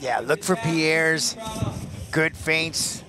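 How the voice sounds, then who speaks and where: A man's voice: fairly high pitch, fairly even intonation, extremely slow. A man giving live analysis as colour commentator on a fight broadcast. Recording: music under broadcast commentary.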